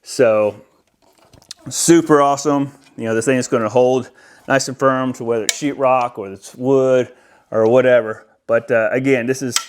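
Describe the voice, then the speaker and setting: An American audio-video installer presents a product from inside a house, close to a window, unboxing and demonstrating it in a relaxed, somewhat hesitant manner. His mid-range voice holds a steady tone at a moderate pace and sounds clean.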